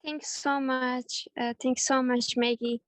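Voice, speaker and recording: A woman's voice: high-pitched, little pitch movement, slow, no room sound. A young woman from Afghanistan speaking on a webinar panel, earnest and hesitant, with many fillers. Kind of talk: webinar presentation.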